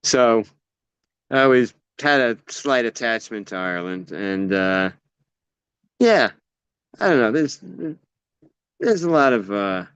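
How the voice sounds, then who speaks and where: This man, an American actor and playwright, talks in a relaxed conversational way, wandering through stories and cutting himself off to start sentences over. He speaks slowly with frequent pauses in an animated, mid-range voice that is fairly bright, clear and resonant. The recording is dry.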